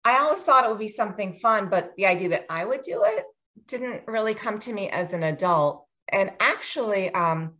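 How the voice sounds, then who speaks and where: A woman's voice: medium pitch, expressive, normal speed, sharp tone. An American woman in her forties, a guest author, talking in a chatty, self-deprecating way with frequent ums. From United States. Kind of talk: casual interview.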